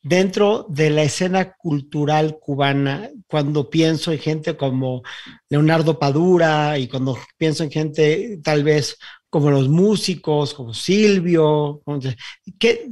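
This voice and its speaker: A man's voice: on the high side, a little mellow. A man from Mexico hosting a podcast, asking long, rambling questions of his guest. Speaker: podcast host. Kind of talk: interview questions.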